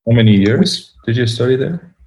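A man interviewing a guest, asking questions in a halting, casual way and often repeating words while he searches for what to say. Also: medium pitch, animated, a little mellow.

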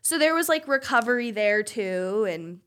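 A woman's voice: on the high side, expressive, moderate pace, fairly bright tone. Chatty young woman, lots of "like". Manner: heavy use of "like", chatty and candid. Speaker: podcast guest, former college swimmer. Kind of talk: casual chat.

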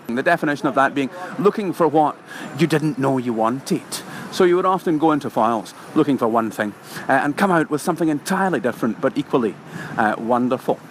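A man working as a walking tour guide, narrating on location outdoors in a measured, formal way with frequent hesitant pauses. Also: mid-range voice. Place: outdoors on a busy city street. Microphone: handheld recorder on location. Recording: outdoor street recording with traffic noise.

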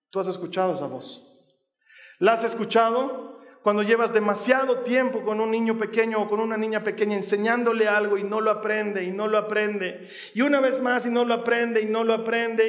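A man preaching a sermon, asking the listeners questions and building to loud, fervent passages. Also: high voice. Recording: echoey hall with long reverb.

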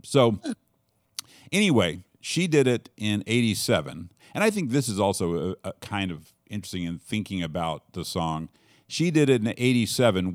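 Rambling low-voiced man hosting. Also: dry recording, clean studio sound. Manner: rambling, self-correcting, restarts sentences. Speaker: podcast host. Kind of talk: casual discussion panel.

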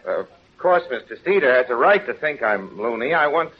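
Homespun, guileless Longfellow Deeds. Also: male voice, mid-range voice, very animated, fairly quick, breathy edge. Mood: mild, earnest. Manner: homespun, unassuming, earnest. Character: plain-spoken, guileless small-town man defending himself. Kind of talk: 1930s-40s radio drama acting. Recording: muffled, noisy old radio recording.

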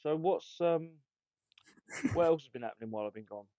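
A man's voice: a little high, animated, a little fast, dark tone, highs cut off. A man co-hosting a podcast in casual chat, laid-back and agreeable, a little out of breath. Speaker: podcast co-host.

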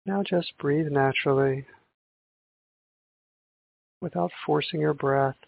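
Gravelly man guiding meditation like a sleep narrator. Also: a little high, fairly even intonation, a little hiss or hum. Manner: slow, soothing, with long pauses between instructions. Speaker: meditation guide. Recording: muffled, phone-like narrow sound.

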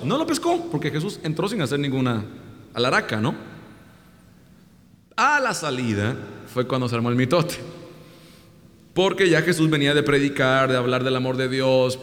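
A man preaching a humorous sermon, retelling a story with playful acted-out voices. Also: mid-range voice. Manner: animated, jokey, acts out voices in the story. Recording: long hall reverb.

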